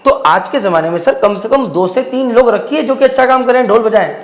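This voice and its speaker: A man's voice: very high-pitched, fairly quick. A male podcast host conducting a conversational interview, pressing his guest with follow-up questions and mixing English words into his speech. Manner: persistent, pushes with follow-up questions. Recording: roomy studio echo.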